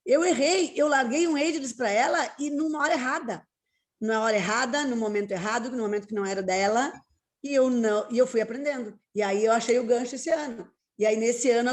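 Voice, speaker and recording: Woman, interview guest, earnest, repeats herself, a bit high. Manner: earnest, repeats points for emphasis. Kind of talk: casual interview talk.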